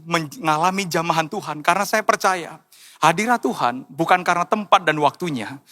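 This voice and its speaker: A pastor in church, a man with a high, ringing voice, preaching an emotional sermon. He tells personal stories warmly and climbs into impassioned, tearful cries. His tone stays sharp and forward throughout.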